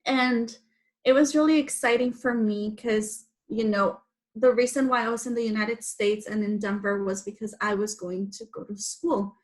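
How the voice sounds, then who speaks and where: A Guatemalan woman whose first language is Spanish visits schoolchildren as a guest speaker, telling her personal story in simple, explanatory phrases. Her voice is a little high, with fairly even intonation and a moderate pace.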